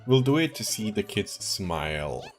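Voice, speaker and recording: A man's voice: fairly low pitch, very animated, normal speed, soft background music. Laid-back young guy from Switzerland. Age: 20s. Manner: rambling, laid-back, chuckles often. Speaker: game streamer. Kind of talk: casual stream chat. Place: at home.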